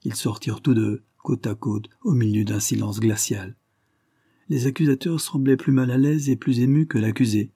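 A man narrating a novel in a steady, even audiobook reading. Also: mid-range voice, normal speed, slightly rough, dry recording, clean studio sound. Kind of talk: scripted narration.

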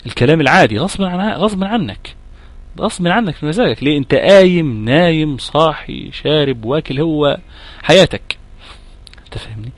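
Brisk and lively in intonation, this fairly high-pitched middle-aged man teaches tajweed with an Egyptian Arabic accent. He demonstrates sounds, explains patiently, and checks his students are following, with no echo in the recording.

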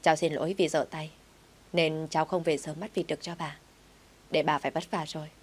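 A woman reading an audio story, voicing a weary young man who talks softly and politely. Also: low voice, fairly even intonation, brisk, breathy edge.

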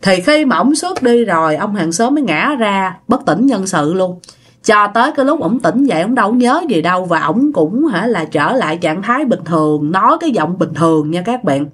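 Woman telling ghost stories, chatty, talks right to you, medium pitch. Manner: chatty, addresses listeners directly. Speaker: storyteller. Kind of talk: casual ghost story narration.

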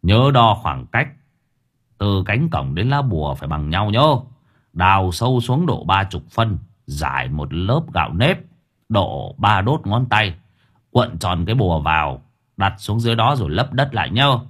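A man's voice: low-pitched, sing-song, measured pace, fairly bright tone, breathy edge, exaggerated voice. A man voicing a blunt, bossy old village exorcist. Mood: instructive. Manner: blunt, earthy, commanding.

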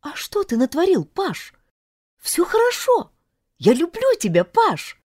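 A woman reading an audiobook, voicing a young woman who pleads tearfully and in a high voice. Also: huge pitch swings, unhurried, darkish tone, no echo, studio quality, heavily acted. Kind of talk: audiobook character voice.

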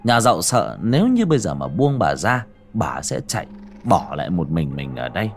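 A man narrating a ghost story in a dramatic, lively storytelling manner. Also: sits low, moderate pace, creaky, soft background music.

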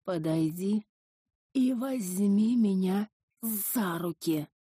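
A woman voicing a malevolent serpent-like demon that possesses a woman, speaking in a slow, drawn-out, hissing, menacing way. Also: medium pitch, dark tone, breathy edge, no room sound, studio quality.

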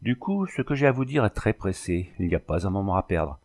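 A man's voice: sits low, very animated, a little fast, darkish tone. A man voicing an earnest young heroine. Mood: urgent. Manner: polite, urgent.

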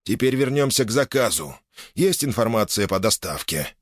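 Guy doing a gruff old boyar boss, bossy and menacing, pitch jumps around a lot. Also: sing-song, normal speed, no echo, clean studio sound, lightly acted. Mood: stern. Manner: commanding, menacing. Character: stern older male boyar, head of clan.

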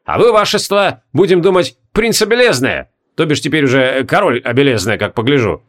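A folksy old undead marshal, played by a male audiobook narrator, talks in a raised, lively voice that swings up and down. He is jovial and rustic, and he turns gruff when he gives orders. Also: on the high side, a little fast. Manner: folksy rustic speech, gruff barking commands.

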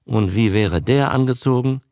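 A man's voice: medium pitch, normal speed, darkish tone, no echo, studio quality, pitched above the performer's own voice, close to an everyday voice. A man voicing an awkward, shy young man in an audiobook, speaking hesitantly and uneasily. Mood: uneasy. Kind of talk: audiobook character voice.

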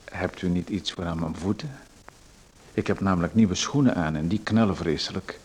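A man performs Macon in a radio play: a pushy stranger, nosy and overbearing, who treats the place as his own and asks for one thing after another. He has a low-pitched, slightly mellow, natural voice at normal speed, with slight background noise.

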